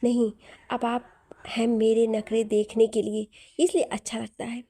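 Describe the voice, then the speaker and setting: A woman's voice: a little high, little pitch movement, a little slow, warm tone, slightly rough. A woman voicing a young pregnant wife who pleads and teases in a childlike way in an audio story. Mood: playful.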